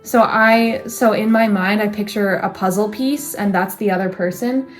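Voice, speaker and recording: A woman's voice: medium pitch, fairly even intonation, moderate pace, soft background music. A young woman in casual chat, thinking aloud in a reflective, rambling way with restarts. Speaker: co-host.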